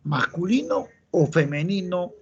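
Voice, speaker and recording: A man's voice: sits high, animated, unhurried, husky, lo-fi sound. A man with a Peruvian Spanish accent teaching a grammar lesson for an entrance exam, repeating the rules and quizzing his students. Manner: explains patiently, repeats key rules, asks the class questions.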